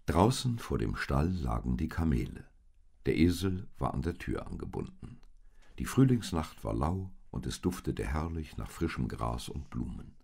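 A man narrates a storybook in a calm, expressive reading. His voice is extremely deep and gravelly. It is husky and moves freely in pitch. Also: moderate pace.

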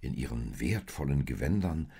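A man reading a storybook aloud in a slow, expressive way. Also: extremely low pitch, creaky, slightly rough.

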